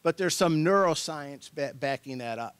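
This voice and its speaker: A man's voice: fairly high pitch, expressive, moderate pace, clear, resonant tone, no room sound. A middle-aged man giving an informal workshop lecture in a conversational, loosely hedged way as the presenter. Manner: conversational, hedging, chuckles often.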